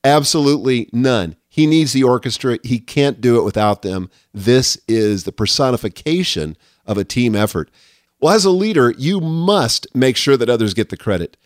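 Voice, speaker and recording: A man's voice: mid-range voice, lively intonation, moderate pace, no room sound. Middle-aged male podcast host, earnest and emphatic, dry studio sound. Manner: earnest, emphatic, lists numbered lessons. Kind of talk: solo leadership podcast monologue.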